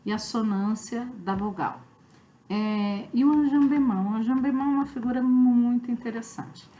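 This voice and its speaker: A woman's voice: a little high, normal speed, muffled recording, a little hiss or hum. A woman with a Brazilian Portuguese accent giving an online review lecture as a literature teacher. She explains step by step and often checks in with "né?" and "tá?". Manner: explanatory, many fillers like "né?" and "tá?".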